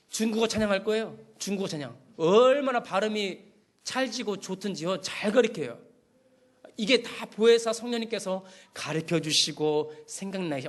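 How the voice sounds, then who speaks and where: A middle-aged man with a high voice preaches from the pulpit. He tells stories and acts out phone calls in an animated way. His voice rises and falls often as he goes. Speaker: pastor. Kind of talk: sermon.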